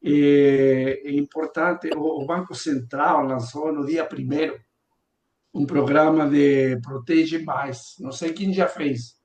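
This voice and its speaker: A man's voice: fairly high pitch, fairly even intonation, takes it slowly, darkish tone. A man joining an online group meeting, speaking hesitantly with some restarts. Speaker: meeting participant. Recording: echoey room audio.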